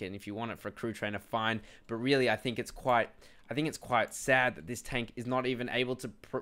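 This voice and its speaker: A young man talks over his gameplay footage in a slightly low voice. He rants in a frustrated, animated way, keeps calling his viewers "guys", and often stops to restart a phrase. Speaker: gaming video host. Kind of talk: casual gameplay commentary.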